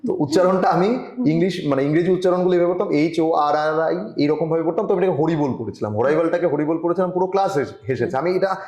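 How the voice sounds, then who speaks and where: A man from Tripura, India, giving earnest advice as a journalist guest in an online interview, often pausing and restarting. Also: fairly high pitch, darkish tone, echoey room. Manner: earnest, advising, with frequent hesitations. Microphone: video call.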